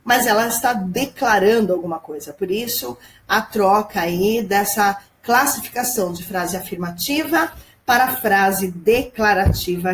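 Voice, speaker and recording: A woman's voice: mid-range voice, background noise. A woman teacher, giving a patient grammar lesson over a screen recording and checking in with her students. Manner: patient, explanatory, constant check-ins with students. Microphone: computer mic at home screen recording.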